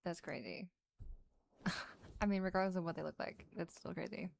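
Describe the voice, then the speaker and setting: A woman with a slightly low voice talks casually on a livestream. She muses informally and hedges as she goes, over noticeable background noise with small clicks. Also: steady tone, moderate pace, gravelly. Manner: informal, musing, hedging. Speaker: ASMR streamer chatting with viewers.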